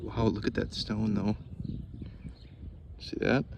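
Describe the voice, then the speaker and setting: A man's voice: fairly low pitch, level tone, slow pace, gravelly, highs cut off. A man casually narrating his metal detecting finds to viewers with wonderstruck exclamations, recorded outdoors. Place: outdoors in a torn-out street. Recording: noisy outdoor recording with ambient sounds.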